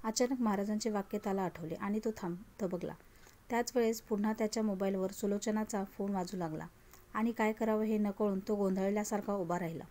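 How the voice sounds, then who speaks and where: A woman narrates a story in a measured, even reading voice. Her tone is mellow and warm rather than bright, at a middle pitch, and she reads at a steady, unhurried pace. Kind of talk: read-aloud story narration.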